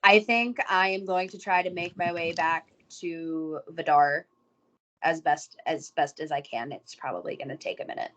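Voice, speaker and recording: A woman's voice: low-pitched, moderate pace, fairly bright tone, dull audio. A woman chatting casually as a player in a tabletop game, with informal, hesitant phrasing.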